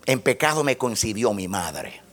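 A man's voice: on the low side, sing-song, moderate pace, a bit bright. A man preaching a sermon, teaching step by step and asking the congregation to repeat phrases after him. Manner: spells out points step by step like a lesson.

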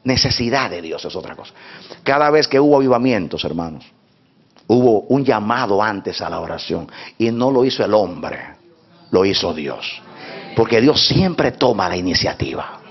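A man preaching a sermon to his church, moving from hushed talk to shouting and repeating words for emphasis. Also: on the low side, sing-song, normal speed, husky. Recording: dull lo-fi sound.

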